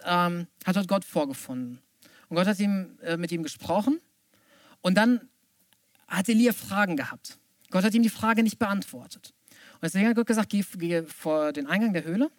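A woman's voice: on the low side, no room sound. A German-speaking woman preaching a sermon, reading scripture and then speaking personally, often dropping to a near-whisper before rising to urgent emphasis.

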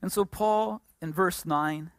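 A woman explains scripture in short stretches, stumbling and restarting as she goes. Her voice sits low and the sound is dry. She waits between phrases for her interpreter. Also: no echo. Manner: halting, many fillers and restarts. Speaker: preacher. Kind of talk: Bible teaching with live interpreter.

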